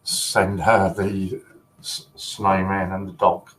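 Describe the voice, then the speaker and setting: A man with a fairly low voice chats casually on a collector livestream. He teases his viewers and giggles often. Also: little pitch movement, slow pace, a bit bright, rough recording. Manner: chatty, giggly, teasing.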